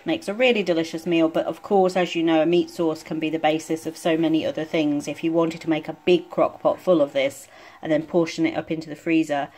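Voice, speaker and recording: A woman talking casually through each step of a home cooking demonstration in a relaxed, chatty way. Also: low voice, fairly quick, few pauses. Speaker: home cook vlogger. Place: home kitchen.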